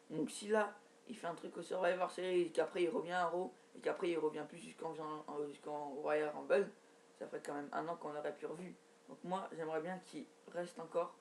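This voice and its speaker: A man vlogging his wrestling predictions from his notes, talking in a hesitant, halting way with many restarts. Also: on the high side, vocal fry, darkish tone, a little hiss or hum. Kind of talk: casual spoken predictions from notes.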